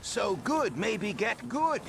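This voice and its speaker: An actor playing a blind old beggar in a Western video game, telling fortunes in solemn, cryptic, pleading patter. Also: male voice, sits high, sing-song, takes it slowly, vocal fry, background noise, heavily acted.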